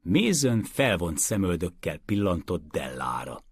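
A man narrating an audiobook in an expressive storytelling way, with dry close studio sound. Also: deep voice, breathy edge, no room sound. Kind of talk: scripted narration.

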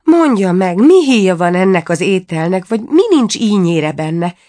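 A woman's voice: fairly low pitch, lively intonation, dark tone, voice pushed up, lightly acted. A woman voicing a small, timid dwarf cook who pleads and trembles in a storybook reading. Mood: pleading.

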